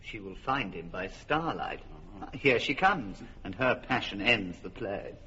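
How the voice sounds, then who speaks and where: A man's voice: on the low side, lively intonation, unhurried, bright, forceful tone, a little hiss or hum. An actor playing a wry nobleman who comments on a play in a classic radio drama. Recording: dull broadcast in a reverberant hall.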